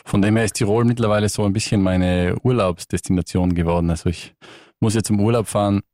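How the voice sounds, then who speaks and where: A man, very low-pitched and speaking in a thoughtful way that keeps restarting. He sounds dry and close, as a guest in a radio studio. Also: fairly even intonation, fast talker, warm tone, no room sound. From Tyrol, Austria. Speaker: guest musician. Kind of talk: relaxed radio interview.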